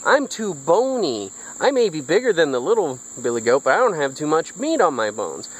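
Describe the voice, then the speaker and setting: A man's voice: on the high side, very animated, moderate pace, rough recording. A man voicing a bony middle billy goat who coaxes and persuades. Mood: coaxing. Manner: coaxing, persuasive.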